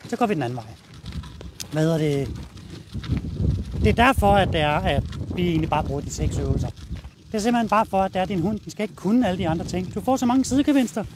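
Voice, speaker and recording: Blunt high-voiced Danish dog trainer. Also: male voice, noisy background. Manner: blunt, casual, addresses viewers while walking the dog. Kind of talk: outdoor training demonstration. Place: outdoors, walking a dog.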